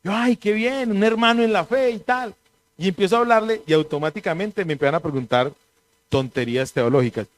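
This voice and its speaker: A pastor preaches in a loose, conversational way. His voice sits high for a man, and he tells animated stories with a joking edge. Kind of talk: conversational sermon.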